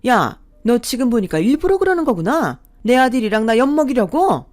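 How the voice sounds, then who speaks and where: A woman's voice: a little high, lively intonation, normal speed, soft background music, pitched above the performer's own voice, lightly acted. A woman voicing a bossy, easily enraged mother-in-law who scolds and sneers. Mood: shrill fury.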